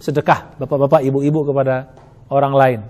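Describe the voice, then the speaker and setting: A man's voice: mid-range voice, flat delivery, fairly quick, a little mellow, soft background music. A middle-aged man, an Islamic preacher giving a lesson on prayer, reciting Arabic lines and explaining them with rising emphasis.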